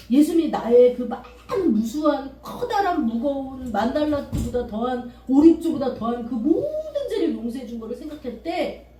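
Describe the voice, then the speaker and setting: A woman pastor preaching a sermon in a church, animated, often laughing and acting out the people she quotes. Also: high voice. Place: church sanctuary. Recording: echoey room from far off, faint hiss.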